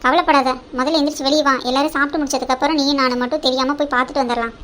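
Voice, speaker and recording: A woman's voice: high-pitched, steady tone, a bit bright, slight background noise. A woman voicing a bossy scheming elder sister. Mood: brisk, teasing. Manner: brisk, teasing, commanding. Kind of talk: cartoon drama voice acting.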